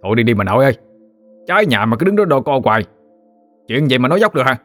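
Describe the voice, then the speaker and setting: A man's voice: medium pitch, very animated, racing, soft background music, pitched above the performer's own voice, close to an everyday voice. A man voicing a panicky young village man who tells tall tales, pleading urgently in a Southern Vietnamese accent. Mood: alarmed.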